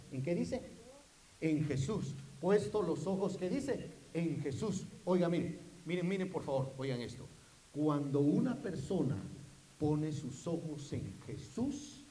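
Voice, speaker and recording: A man preaching a sermon, urging his listeners with repeated calls to look and listen, swinging from soft asides to loud emphatic bursts. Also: a little high, low-quality recording. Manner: urges listeners with repeated "mire, mire" and "¿estamos?". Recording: faint hiss.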